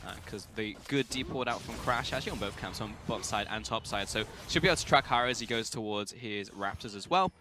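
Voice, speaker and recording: A man calling play-by-play on a live esports match, with rapid calls of the action. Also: lowish voice, noisy background. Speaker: esports commentator.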